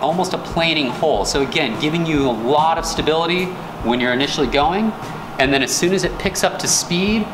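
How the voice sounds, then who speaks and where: A man's voice: on the high side, low-quality recording. A young man walking through the features of a kayak in a large shop, enthusiastic and detailed. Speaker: paddle sports shop staff presenting a kayak. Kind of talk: product walkthrough. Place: large retail store, indoors. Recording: background music under the voice. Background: background music.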